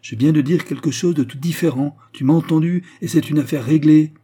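A man voicing a weak, self-pitying middle-aged husband who whines and shouts in protest, in a storybook reading. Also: mid-range voice, steady tone, a little fast, pitched above the performer's own voice, natural voice. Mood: shouting.

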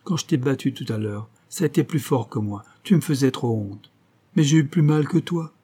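A man's voice: lively intonation, moderate pace, mellow, slightly rough. A man voicing a proud, severe old peasant grandmother who speaks bitterly and reproachfully in a raised voice. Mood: pained. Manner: pleading, bitter, raised pitch.

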